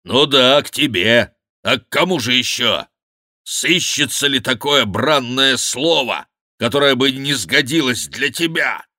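A man's voice: low voice, animated, slow pace, pushed and bright, no echo, studio quality, full character voice. A man voicing a fat, brazen monk who bellows and mocks, preaching with scorn in an audiobook reading. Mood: scornful.

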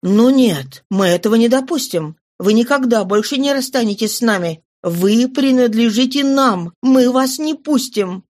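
A woman's voice: a little high, lively intonation, normal speed, hardly any pauses, a little mellow, voice pushed up. A woman voicing a passionate young man in an audiobook reading, speaking with emphatic insistence. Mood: insistent. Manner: emphatic, impassioned.

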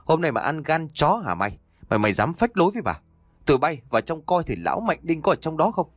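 A man putting on a shrill, bullying village woman. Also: animated, a little fast, dry recording. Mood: angry, scolding. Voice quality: shrill, harsh scolding.

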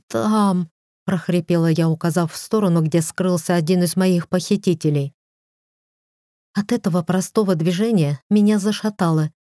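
A woman reading a first-person novel as an audiobook, in an even, measured way. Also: on the low side, no room sound, clean studio sound. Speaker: audiobook reader.

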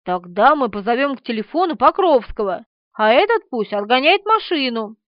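A woman voicing an impatient police officer who lays out plans in a brisk, bossy way. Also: on the high side, very animated, no echo. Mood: scheming. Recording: dull lo-fi audiobook recording.

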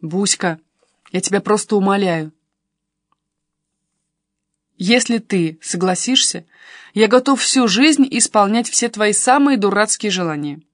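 A woman's voice: mid-range voice, expressive, unhurried, long pauses, dry recording, studio quality, close to an everyday voice. A woman reading an audiobook and voicing a pushy young man who keeps coaxing and persuading his cousin. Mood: pleading.

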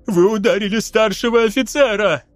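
Guy doing a shrill frantic coward officer, high and whiny, spooked and pleading. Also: moderate pace, no echo, soft background music, lightly acted. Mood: indignant. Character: panicky cowardly young male officer.

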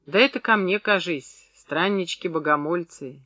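A man reading the part of a pious old peasant woman, speaking in soft, cautious, plain rural speech. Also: sits high, a little slow, dry recording, full character voice.

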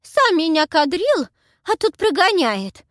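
A woman voicing a cranky, half-deaf old village woman who squawks loudly and drags out her words. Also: sing-song, dry recording, studio quality, full character voice. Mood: whiny. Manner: loud, shrill, drawn-out squawking.

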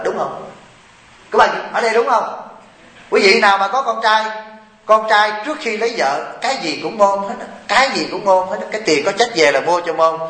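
A man's voice: high voice, a bit bright, roomy sound. A man, a Buddhist monk and abbot giving a humorous dharma talk to lay followers and often asking them "right?".

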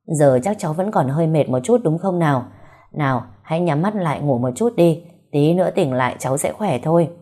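A woman reading the lines of a calm, protective young male doctor in a storybook, in a soft, soothing way. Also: low-pitched, fairly quick.

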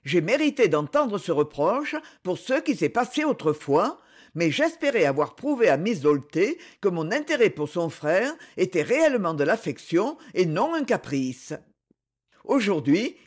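A man voicing a proud young duke who speaks coldly, in a storybook reading. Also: sits high. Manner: cold and measured.

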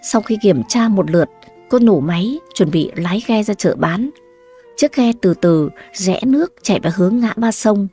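A woman narrating a scripted story in an even storytelling manner. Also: mid-range voice, normal speed, husky, faint music behind.

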